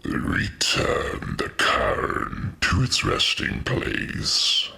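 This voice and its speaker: An actor playing a weary, scythe-wielding male spirit jailer with a raspy voice and a slow, commanding tone in an audio drama. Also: sharp tone, heavily acted.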